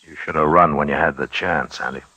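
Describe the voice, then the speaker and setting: An actor playing a stern, world-weary middle-aged American frontier marshal, terse and grave, in a 1950s radio western. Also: male voice, very deep voice, steady tone, a little fast, sharp tone, slightly rough, full character voice.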